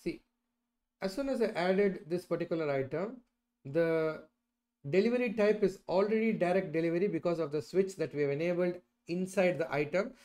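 Working indoors at a computer, a middle-aged instructor with a slightly high voice walks through a screen-share software tutorial step by step at a moderate pace. He keeps confirming the listener is following with short tags like "right?" and "okay."

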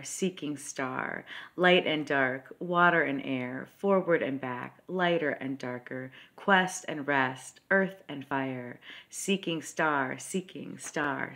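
A middle-aged poet, fairly low in pitch with a sharp tone, reads her own work with dramatic, deliberate phrasing. It's recorded on a phone held at arm's length.

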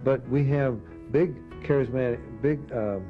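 A man's voice: mid-range voice, unhurried. A man giving an assertive, warning teaching talk on a dull lo-fi recording with music.

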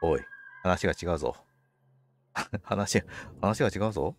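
Low-voiced man musing aloud, lively pitch. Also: a little slow. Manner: polite speech, musing aloud to himself. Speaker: game streamer. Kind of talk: casual livestream game commentary.

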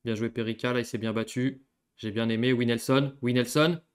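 A young man giving casual gameplay commentary as a YouTuber, swinging from excited yelling to low, cursing mutters. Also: brisk, clean tone. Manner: swings between excited yelling and muttered grumbling, swears often. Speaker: gaming YouTuber.

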